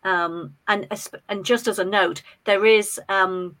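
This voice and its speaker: A woman's voice: medium pitch, steady tone, slow, a bit bright. A woman on a panel discussion who talks with frequent hesitations and fillers.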